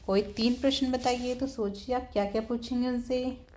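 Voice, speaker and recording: A woman teacher, patiently explaining a textbook lesson to young children, often slowing down to repeat words. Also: on the high side, fairly even intonation, a little mellow. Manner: patient, repeats words slowly, keeps saying "theek hai".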